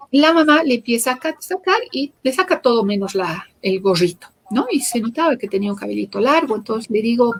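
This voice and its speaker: A woman, a psychomotor therapist telling anecdotes from her clinical work in an animated, conversational way. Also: fairly high pitch, breathy edge. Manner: animated storyteller, voices the people she quotes. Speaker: psychomotor therapist, guest lecturer.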